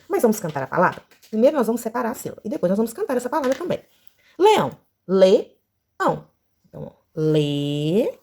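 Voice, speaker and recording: Lively sing-song woman teacher. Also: on the high side, breathy edge. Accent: Brazilian Portuguese. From Brazil. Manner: slow, sing-song syllables for children. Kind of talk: children's lesson.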